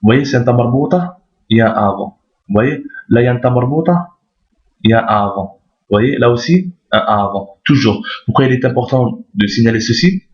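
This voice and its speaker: A man's voice: mid-range voice, lively intonation, a little fast. A man teaching Arabic reading step by step, patiently repeating each point and often checking that listeners follow. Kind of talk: step-by-step lesson explaining letters on screen. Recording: roomy, dull lo-fi recording.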